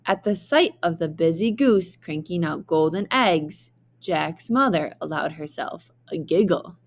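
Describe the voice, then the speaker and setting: Reading aloud like a teacher, a woman narrates a children's storybook in a slightly low voice. She goes very slowly and deliberately, leaning on expressive emphasis.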